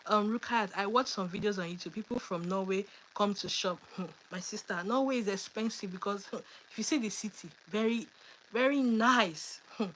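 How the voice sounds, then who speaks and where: A woman's voice: mid-range voice, moderate pace, fairly bright tone, a little hiss or hum, poor audio. A woman hosting a casual livestream Q&A, reading out viewers' questions and answering in a chatty, emphatic way with teasing asides. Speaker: livestream host.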